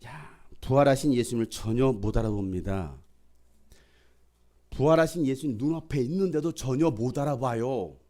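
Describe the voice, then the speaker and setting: A male pastor preaching a sermon, swinging from loud calls to soft whispers and acting out the voices in the scripture. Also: medium pitch, animated, normal speed. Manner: acts out the voices in the scripture passages.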